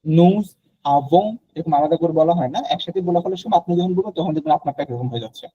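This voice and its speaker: A man's voice: a little high, rapid-fire, mellow, slightly rough, no room sound, highs cut off. A man from Bangladesh teaching a French class online, explaining patiently and mixing in English phrases.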